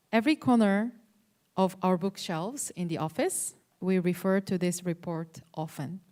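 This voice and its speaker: A woman moderator makes formal introductions at a conference in measured, scripted phrasing. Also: mid-range voice, warm tone.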